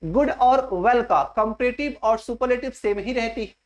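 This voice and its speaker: A woman teaching an English grammar lesson in an exam coaching class. She steps through each point slowly and keeps asking the class rhetorical questions. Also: a little high. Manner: slow and repetitive, spelling out each step.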